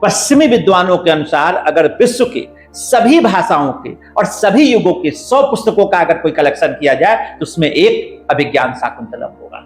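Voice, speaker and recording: A man speaking as a podcast guest, explaining in a measured, lecturing way and building his points in lists. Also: fairly high pitch, big pitch swings. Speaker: guest scholar. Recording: roomy echo, faint background music.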